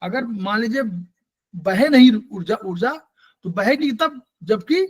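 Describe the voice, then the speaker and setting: A man's voice: high voice, expressive, unhurried. A man teaching an acupressure class, explaining patiently and quizzing his students as he goes. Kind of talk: online class lecture.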